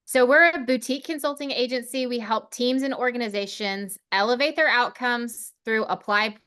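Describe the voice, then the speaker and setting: A woman in her forties from Oklahoma, CEO of a consulting firm, guests on a podcast and talks about leadership in a casual interview. Her fairly high voice is pushed and bright, with a clean tone and moderate pace. She comes across as confident, articulate, and self-deprecating.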